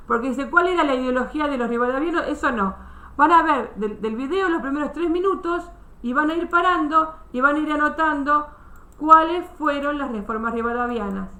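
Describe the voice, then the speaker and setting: Woman history teacher, high voice, step-by-step online class, roomy call audio. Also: bright, forceful tone. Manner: explains step by step, many restarts, checks understanding.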